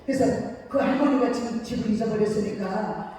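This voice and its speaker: A woman pastor preaching a sermon at a church revival meeting, telling a personal story lively and acting out each person's words. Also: medium pitch, fairly quick, a little hiss or hum. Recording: echoey church hall, mic far off.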